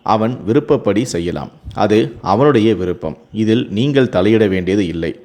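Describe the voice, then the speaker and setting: A domineering mother-in-law lectures a young bride on her duties, read by a man with a low voice. She is commanding and cold beneath a polite surface. The delivery stays close to the narrator's own storytelling voice. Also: animated, normal speed, warm tone. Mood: lecturing.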